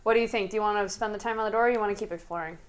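A woman's voice: mid-range voice, rapid-fire. A woman playing a tabletop game, practical and pushing the group to act. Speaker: player. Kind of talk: casual tabletop game play.

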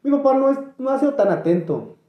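A man's voice: extremely high pitch, quick pace, roomy sound, highs cut off. A man with a Mexican accent, chatting as a podcast co-host and telling an anecdote with lots of laughter. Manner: animated anecdote-teller who laughs between lines. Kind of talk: casual chat, storytelling.

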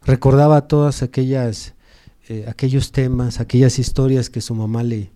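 A man's voice: medium pitch, fairly even intonation, normal speed, warm tone. A male preacher giving a sermon, retelling a Bible story and rising to emphatic cries.

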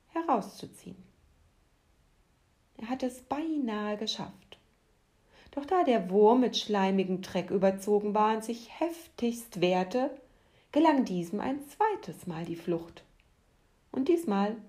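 Slow, soft-spoken woman storyteller. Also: mid-range voice. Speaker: podcast host and storyteller. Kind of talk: calm storytelling narration.

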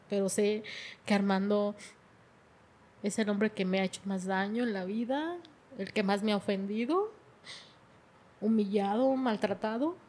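A woman's voice: mid-range voice, darkish tone, slightly rough. A middle-aged woman, telling her life story in an emotional way and often repeating her words. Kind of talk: personal testimony.

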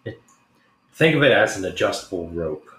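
Very deep-voiced laid-back man. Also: expressive, moderate pace, a bit bright. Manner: laid-back, hesitant with fillers. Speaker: player. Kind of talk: casual tabletop play. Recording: echoey room with faint noise.

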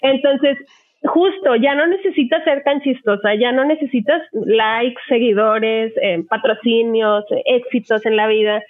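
A woman's voice: on the high side, unhurried. A middle-aged woman psychologist with a Mexican accent, hosting a podcast and talking things through at length. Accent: Mexican Spanish. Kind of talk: casual podcast chat. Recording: dry, phone-like narrow sound.

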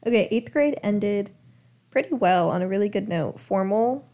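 A woman's voice: mid-range voice, lively intonation, moderate pace, mellow. A teenage girl co-hosting a casual family podcast from a home studio, chatty and giggly, rambling through recaps. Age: teens. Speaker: podcast co-host, daughter. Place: home room turned audio studio.

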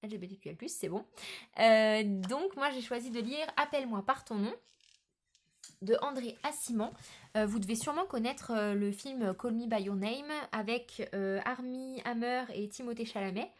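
A woman's voice: fairly high pitch, moderate pace. A woman talking casually in a book vlog, often hesitating with filler sounds and restarts. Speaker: book vlogger.

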